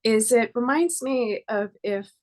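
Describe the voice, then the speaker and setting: This interview host, a body care practitioner, greets her guest warmly and with giggles over a video call. She speaks a little slowly at a fairly high pitch, picked up by her computer mic.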